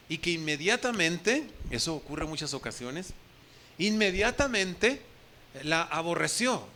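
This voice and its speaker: A pastor preaches to his congregation in a high, bright tenor. He asks his listeners direct questions and voices the words of the people in his story. His tone is lively and forceful throughout the sermon. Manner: addresses the congregation directly with questions, acts out quoted speech.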